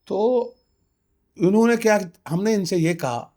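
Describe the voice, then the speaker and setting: Unhurried and warm, in a high voice, the sixty-year-old Kashmiri community representative gives insistent interview testimony. Rhetorical questions punctuate his emphatic speech, and English phrases creep in now and then.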